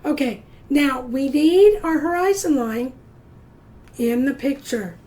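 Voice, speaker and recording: Slow, high-voiced woman teaching drawing. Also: animated, dark tone, rough recording. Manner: patient, slow and encouraging, counts aloud. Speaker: art teacher. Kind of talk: step-by-step drawing lesson for children.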